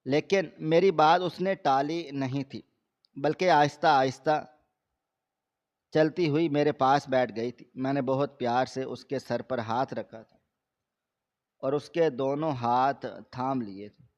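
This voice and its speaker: A man reading a scripted first-person story aloud in a steady, measured way. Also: medium pitch. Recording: slightly dull lo-fi recording.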